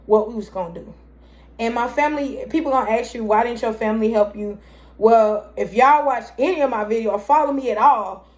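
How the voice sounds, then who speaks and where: A young woman telling a personal story in a casual, rambling way, often calling her viewers "y'all". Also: on the high side.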